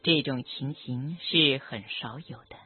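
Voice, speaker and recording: A doctor telling a story about a patient in a gentle, measured, reflective narration. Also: mid-range voice, husky, no echo. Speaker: doctor treating cancer patients. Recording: tinny phone-like audio with faint background music.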